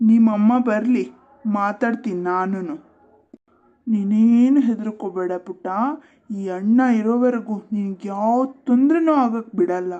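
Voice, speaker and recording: A woman voicing a caring boy who calmly but firmly defends his little sister in a cartoon. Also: medium pitch, measured pace, lo-fi sound, lightly acted. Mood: tender. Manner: calm, firm. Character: protective boy, caring older brother.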